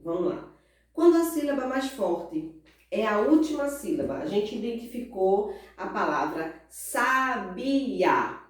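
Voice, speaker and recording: A woman with a Brazilian Portuguese accent teaching a recorded class, slow and patient, stretching out stressed syllables and asking the pupils questions. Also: mid-range voice, sing-song, darkish tone. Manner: asks pupils questions and answers in their voice. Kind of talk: recorded remote class lesson. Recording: roomy echo, far from mic.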